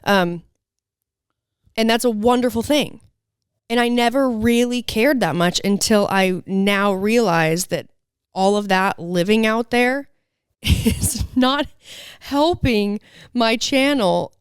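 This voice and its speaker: A woman with a smooth, clear voice co-hosts a podcast and chats candidly, with plenty of fillers. Her sound is dry and close. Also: on the high side, takes it slowly, no echo. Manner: candid, chatty, uses many fillers. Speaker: podcast co-host and fitness channel owner. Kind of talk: casual chat.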